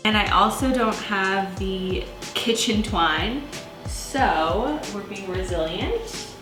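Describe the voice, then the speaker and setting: A young woman vlogging her first try at cooking in a casual, excitable way, often squealing and swearing. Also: medium pitch, slow pace, roomy sound, over music. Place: home kitchen.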